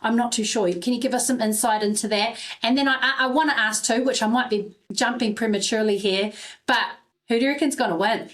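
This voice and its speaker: A woman's voice: fairly high pitch, steady tone, fast. A woman hosting a podcast, chatty and enthusiastic, piling up several questions at once for her guest. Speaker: podcast host. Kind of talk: casual podcast interview.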